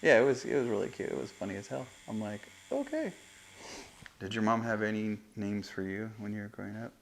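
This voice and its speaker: A man in his fifties chats as he tattoos, a rambling, laughing storyteller. His voice sits a little low, and a faint hum runs under the talk on his lapel mic. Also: fairly even intonation, quick pace, gravelly. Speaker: tattoo artist and podcast host. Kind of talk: casual chat. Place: tattoo studio.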